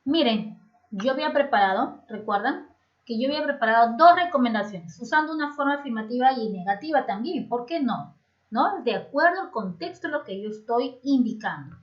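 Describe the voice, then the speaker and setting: Teacher lady, slow and patient, a bit high, muffled lo-fi sound. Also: lively intonation. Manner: slow, patient explaining, switching between languages. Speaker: English teacher. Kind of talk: remote grammar lesson for children. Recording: slightly muffled lo-fi home recording.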